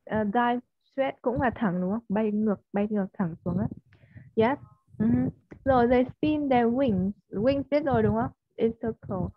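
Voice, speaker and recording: Vietnamese teacher coaching English pronunciation. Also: female voice, a little high, measured pace, no room sound. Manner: coaxing, keeps checking with "yes or no?" and modelling stressed words. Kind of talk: one-on-one online English lesson. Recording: slightly dull, dry audio.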